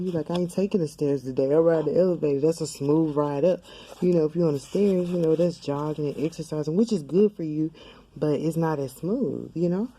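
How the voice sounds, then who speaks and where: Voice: mid-range voice, mellow, husky, poor audio. A tarot reader speaking straight to the camera in a loose, colloquial, rambling way, full of fillers, who acts out quoted voices. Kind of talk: casual tarot reading to camera. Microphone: camera mic.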